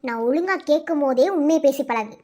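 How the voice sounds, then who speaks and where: A woman's voice: sits high, brisk, darkish tone, lightly acted. A woman with a Madurai Tamil accent voicing a stern, scolding cartoon mother who lectures and threatens her daughter. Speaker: voice artist. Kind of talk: animated cartoon dialogue.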